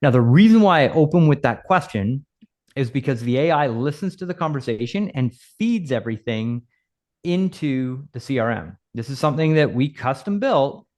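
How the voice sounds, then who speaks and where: A man hosting a casual software walkthrough, talking in a chatty way with frequent asides and filler words. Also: mid-range voice, animated, moderate pace. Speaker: host.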